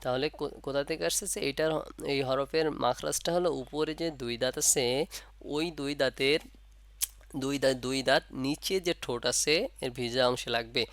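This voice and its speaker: Man, patient teacher, stretches out sounds, smooth voice, dry close recording. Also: mid-range voice, a bit bright, no room sound. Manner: patient, repeats questions and answers them himself; draws out letter sounds in slow demonstration. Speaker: Quran reading teacher. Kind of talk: step-by-step lesson.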